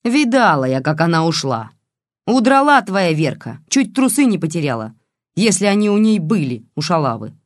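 A woman's voice: fairly low pitch, very animated, moderate pace, no room sound, clean studio sound. A reader voicing a furious one-eyed old village woman who scolds and curses shrilly. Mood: scornful. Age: older.

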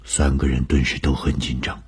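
A man telling a suspense story for radio, slow and measured, often dropping to a hushed whisper. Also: level tone. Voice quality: very deep, husky.

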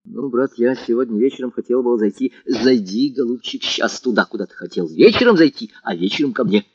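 An insistent, hearty man, voiced by the narrator, presses for a promise. His pitch swings up for emphasis. The recording is dry and dull. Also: expressive, fairly quick, no room sound, close to an everyday voice. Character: insistent, hearty male friend. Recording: dull, lo-fi sound.

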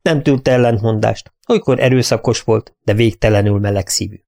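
A man narrating an audiobook in a steady, measured reading voice. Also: fairly low pitch, vocal fry. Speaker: audiobook reader.

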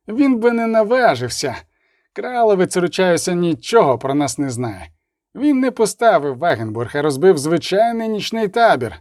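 A man's voice: a little high, a little mellow, no room sound, clean studio sound. A man narrating an audiobook with expression, giving the characters' lines rising intensity. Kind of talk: dramatic audiobook reading.

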